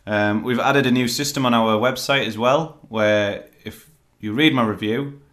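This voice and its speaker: A man's voice: medium pitch, moderate pace, fairly bright tone. A man hosting a casual film review chat, rambling and hesitant with lots of fillers. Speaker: film reviewer, podcast host.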